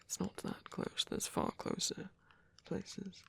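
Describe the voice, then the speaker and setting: Speaking slowly in a soft, breathy voice that often sinks to a whisper, a man plays a gentle, caring vampire priest in an ASMR roleplay. He sounds hesitant, reassuring and tender.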